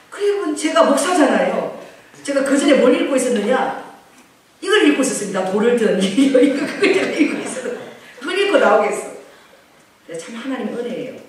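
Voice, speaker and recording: A woman in her late forties, a pastor giving a sermon, telling stories with animated swings between loud outbursts and soft asides. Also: on the high side. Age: 40s. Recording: echoey room heard from a distance.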